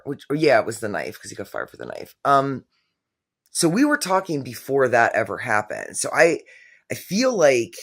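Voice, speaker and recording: Speaking to the camera, a middle-aged woman vlogger with a very low voice tells a story from her own life. She rambles casually, filling her speech with fillers and frequent self-corrections.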